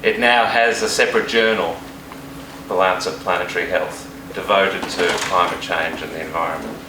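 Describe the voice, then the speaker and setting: A man with a very deep voice gives an earnest, measured speech as a university dean. He sounds distant, and his words echo around a hall. A steady hum of air conditioning runs underneath. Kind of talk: speech at a launch event. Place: event hall. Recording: distant and echoey with room hum.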